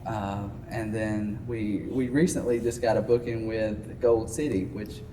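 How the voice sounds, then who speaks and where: A polite young Southern man of about twenty, answering questions in an easy, halting way full of little fillers. He sits away from the mic in a roomy, echoing space. Steady noise runs under his voice. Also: on the low side. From Alabama, US. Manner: polite, many fillers, says yes sir. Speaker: gospel singer guest. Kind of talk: casual interview answers. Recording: echoey, distant, background noise.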